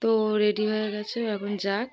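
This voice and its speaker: A woman's voice: medium pitch, level tone, normal speed, darkish tone, no echo. A woman in her thirties filming a home vlog, coaxing and calling to her children as she gets them ready. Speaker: vlogger and mother.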